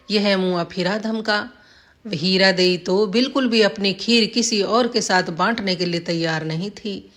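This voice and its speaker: A woman's voice: mid-range voice, fairly bright tone. A woman narrating a village folk tale in a plain storybook reading, lightly voicing the villagers' lines.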